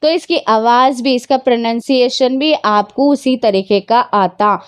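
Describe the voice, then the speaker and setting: Woman teacher, slightly high voice, patient question-and-answer grammar lesson, dry close sound. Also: measured pace, smooth, no echo. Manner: patient, asks questions and answers them herself; mixes English words into explanations. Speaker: Urdu teacher.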